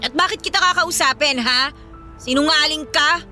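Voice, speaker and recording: A woman acting in a radio drama as a tipsy, hurt and angry young woman who throws sharp, accusing retorts. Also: high voice, normal speed, faint music behind.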